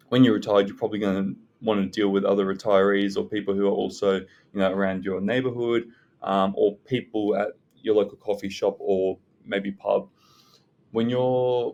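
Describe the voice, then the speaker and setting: A man giving unscripted self-development advice as a content creator, speaking in a hesitant, halting way with pauses. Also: on the low side, a little mellow. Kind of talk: unscripted advice talk to viewers. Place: indoors in a library.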